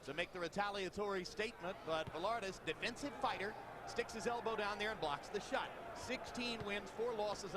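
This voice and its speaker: A man doing live play-by-play boxing commentary in articulate, storytelling phrases. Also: high-pitched. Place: ringside at a boxing arena. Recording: loud arena noise behind voice.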